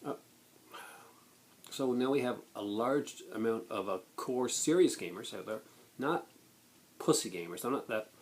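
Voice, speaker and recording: A man in a blunt, exasperated rant to viewers, halting and then bursting into emphasis. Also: mid-range voice, lively intonation. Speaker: video blogger. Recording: noticeable background noise.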